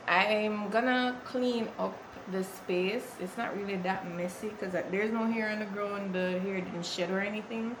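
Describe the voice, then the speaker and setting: A woman with a Jamaican accent talks casually to her vlog viewers. Her voice sits at a middling pitch, and she slips informally into Patois. There is clear ambient noise behind her. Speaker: lifestyle vlogger. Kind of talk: casual chatty vlog talk.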